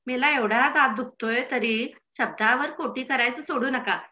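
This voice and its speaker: A scolding, practical wife nags her husband in a bright, slightly high voice, voiced by a woman reading aloud. She is more concerned with appearances than with his pain. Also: normal speed. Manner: nagging, scolding. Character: scolding, practical wife worried about neighbours.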